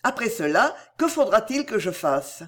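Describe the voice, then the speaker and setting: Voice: mid-range voice, big pitch swings, normal speed, fairly bright tone. A reader voicing an ardent young man, earnest and imploring, in an audiobook of a classic novel.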